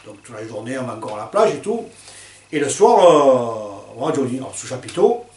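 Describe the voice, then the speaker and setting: An older man telling a personal anecdote in a chatty, lively way, with fillers and laughs. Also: medium pitch, brisk. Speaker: storyteller. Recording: roomy sound from a distant mic.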